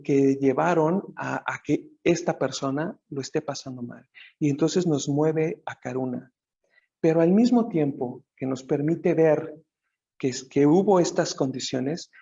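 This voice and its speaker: A man's voice: a little high, dark tone, slightly rough. A man with a Mexican Spanish accent giving a dharma talk, thinking aloud with restarts and asking "right?" as he goes. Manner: thinks aloud, restarts often, tag questions. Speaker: Buddhist teacher. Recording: dull muffled lo-fi recording.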